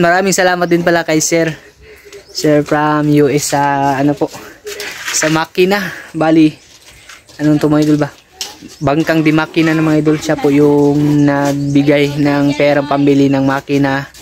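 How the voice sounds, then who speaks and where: A man's voice: on the high side, darkish tone, low-quality recording. A man casually vlogging outdoors beside a boat under construction, chatting to his viewers and calling them idol again and again. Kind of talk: casual vlog walkthrough. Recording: outdoor recording with clear background noise.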